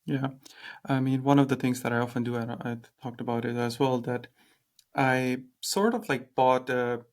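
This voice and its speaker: Young male podcast host, middling pitch, hesitant casual delivery. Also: normal speed. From Pakistan. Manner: hesitant, leans on "like" fillers.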